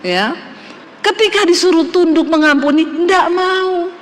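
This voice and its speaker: A woman's voice: on the high side, animated, moderate pace, a little hiss or hum. Emphatic woman pastor in a reverberant hall. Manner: emphatic, addresses listeners directly, sometimes shouting. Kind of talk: sermon to a congregation.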